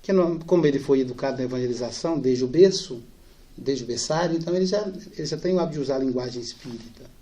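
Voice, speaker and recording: A middle-aged man giving a storytelling lecture, acting out dialogue and dropping soft and slow for sad parts. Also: mid-range voice. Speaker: spiritist speaker.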